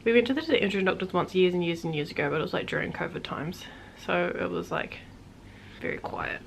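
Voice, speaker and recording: A young woman, chatting casually to camera in a home vlog, rambling as she thinks out loud. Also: lowish voice, expressive, brisk, gravelly, slight background noise, poor audio. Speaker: vlogger.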